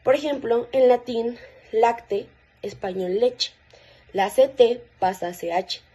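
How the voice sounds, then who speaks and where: A woman's voice: on the high side, slow, dark tone, slightly rough, poor audio. A woman reading a class presentation aloud, carefully listing examples one by one. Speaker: student presenter.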